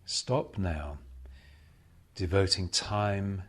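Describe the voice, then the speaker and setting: A man acting as a spiritual teacher leads a guided meditation, speaking solemnly and deliberately with measured pauses and repeated phrases. His voice is deep and expressive.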